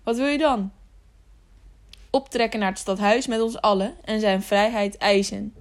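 A woman's voice: medium pitch, steady tone, moderate pace, lightly acted. A woman reading the part of a fiery, rebellious grown man in an audiobook, with a scornful, urgent delivery. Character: rebellious adult male townsman, fiery.

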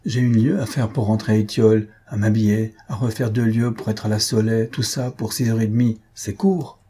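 A man voicing a breezy young husband who talks briskly and teasingly, always in a hurry. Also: lowish voice, steady tone, mellow, breathy edge.

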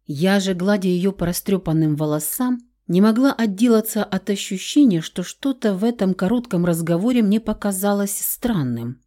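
A woman reading a first-person audiobook in an even, measured storytelling manner. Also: mid-range voice. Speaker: narrator.

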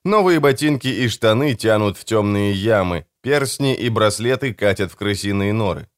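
Man reading a dark fantasy audiobook. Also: lowish voice, expressive, moderate pace, smooth, dry recording, clean studio sound. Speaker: audiobook narrator. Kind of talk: scripted narration.

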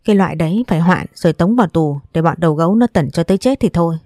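A woman's voice: fairly low pitch, lively intonation, rapid-fire, mellow, dry recording, clean studio sound. A woman reading as a fiery, cursing aunt. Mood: furious. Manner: cursing, vehement. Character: fiery aunt, furious and guilt-ridden.

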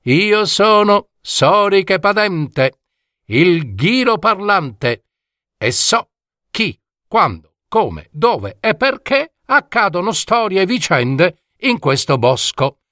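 A man's voice: sits high, sing-song, slow pace, pushed and bright, dry recording, clean studio sound, voice pushed up, exaggerated voice. A man voicing a chatty, know-it-all male talking dormouse in a fairy tale he reads aloud, speaking eagerly and proudly. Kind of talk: storybook reading.

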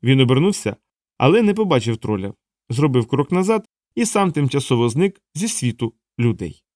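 A man reading an audiobook in a steady, measured narration. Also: mid-range voice, no room sound, studio quality. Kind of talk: scripted narration.

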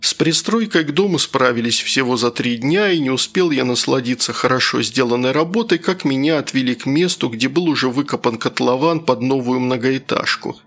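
A man reading a first-person fantasy audiobook in a steady storytelling voice. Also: mid-range voice, brisk, few pauses. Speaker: audiobook narrator.

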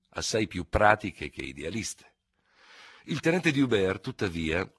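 Deep, husky male audiobook narrator. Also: no room sound, studio quality. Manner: expressive, theatrical reading. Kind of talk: scripted literary narration.

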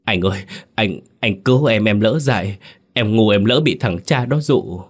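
Man doing a resentful younger brother, whiny, defiant, deep voice pushed higher. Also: normal speed, darkish tone, close to an everyday voice. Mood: pleading. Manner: pleading then bitter and defiant. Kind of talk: horror story reading.

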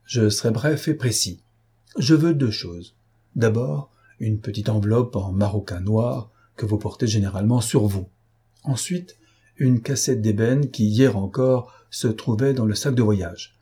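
A man's voice: lowish voice, a little slow, mellow. A man voicing a suave, mocking gang boss. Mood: businesslike. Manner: smooth, ironic, coldly polite. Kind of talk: audiobook character voice.

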